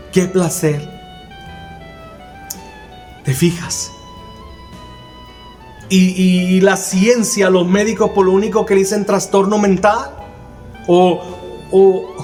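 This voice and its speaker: Preacher guy, kinda high voice, earnest sermon testimony, soft music behind. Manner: earnest preacher, repeats phrases, cries out prayers. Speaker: minister.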